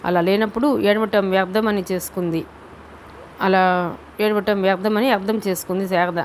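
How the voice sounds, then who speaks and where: A woman narrating a novel as an audiobook, reading in a steady, deliberate way. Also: mid-range voice, a little hiss or hum.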